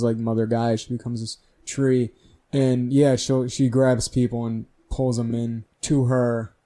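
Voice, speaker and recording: A man's voice: medium pitch, dark tone. A young man from the American Midwest co-hosting a podcast, laid-back and swearing casually in loose chat. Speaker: podcast co-host.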